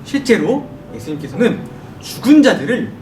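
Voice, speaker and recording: A man giving a children's sermon, in a lively way. He asks the children questions and answers them himself. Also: high voice, moderate pace. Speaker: children's ministry preacher. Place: church worship room. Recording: echoey room from far off, noisy.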